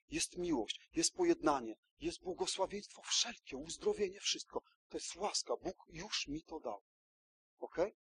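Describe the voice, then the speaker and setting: Male preacher, raised pitch, husky tone, emphatic and repetitive delivery. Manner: emphatic, repeats key words, checks in with listeners. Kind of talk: sermon.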